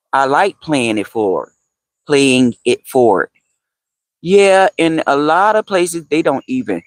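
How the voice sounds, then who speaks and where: Hosting a relaxed livestream, a man talks with viewers and responds to their comments, frequently repeating phrases and laughing. His voice is on the high side, and there's no room sound.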